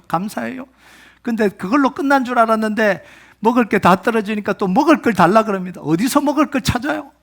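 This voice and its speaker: A man with a notably high voice preaches in a church, full of energy. He voices anguished prayers that swell in force, then drops back to an explaining tone. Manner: animated preaching, acts out pleading prayers with rising intensity. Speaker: pastor. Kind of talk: sermon. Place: church sanctuary.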